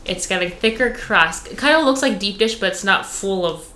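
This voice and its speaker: A young adult woman from Texas, co-hosting a casual chat podcast and telling stories in a chatty, animated way. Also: mid-range voice, normal speed, reverberant, slight background noise. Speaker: podcast co-host.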